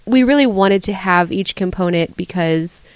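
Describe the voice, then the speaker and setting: A woman with a somewhat low voice speaks earnestly as a podcast guest, explaining her points at a steady clip. The sound is dry and close-miked. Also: moderate pace, clean tone, no echo. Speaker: guest, resource team member. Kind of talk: casual podcast discussion.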